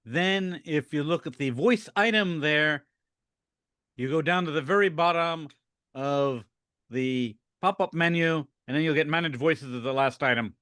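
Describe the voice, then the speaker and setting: A man's voice: on the high side, a little slow, fairly bright tone, smooth, no echo, studio quality. A man at an online meetup, patiently talking someone through settings step by step. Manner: patient, methodical. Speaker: meetup participant. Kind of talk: giving step-by-step directions.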